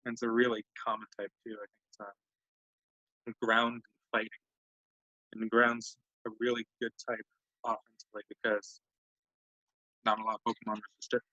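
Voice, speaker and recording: A man's voice: lowish voice, sharp tone, no room sound. A man giving rambling, self-mocking casual commentary while playing a video game. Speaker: let's play commentator. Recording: dull lo-fi dry mic.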